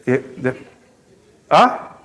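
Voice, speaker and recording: A male pastor with a Chilean accent, preaching a sermon in a lively, storytelling way, speaking to the congregation. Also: very slow, background noise. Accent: Chilean Spanish. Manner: storytelling, animated, conversational with congregation. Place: church hall. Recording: long hall reverb in church.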